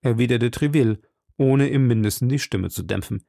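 A man narrating an audiobook in a steady, even storytelling manner, close to the microphone. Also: medium pitch, normal speed, gravelly, dry recording. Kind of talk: scripted narration.

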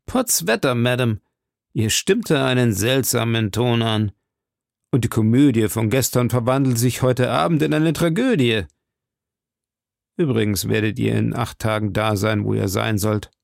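A man's voice: medium pitch, measured pace, vocal fry, no room sound, clean studio sound. A man reading a sneering English lord. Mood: scornful. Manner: sneering, mocking. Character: mocking, scornful English nobleman. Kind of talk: audiobook character voice.

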